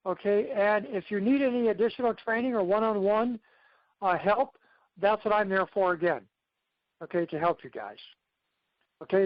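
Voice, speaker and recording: This high-pitched man, heard without any room sound, plays the role of a success coach on a conference call. He gives his team an instructive motivational training talk, often asking "okay," in dull lo-fi call audio.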